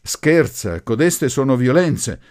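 A man voicing a wary young gentleman who answers stiffly and indignantly. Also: medium pitch, big pitch swings, normal speed, voice pushed up.

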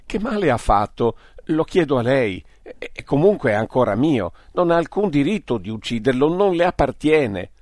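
A man's voice: medium pitch, sing-song, normal speed, darkish tone, no room sound, studio quality, voice pushed up, lightly acted. A man voicing an anxious, protective crewman who pleads in an agitated way. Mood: pleading.

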